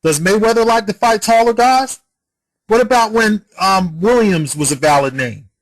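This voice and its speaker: A man's voice: high-pitched, animated, moderate pace, rough recording. A man ranting in a heated response video about boxing history, arguing and firing off rhetorical questions, swearing and scolding his viewer. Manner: argumentative, fires rhetorical questions. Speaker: boxing commentator.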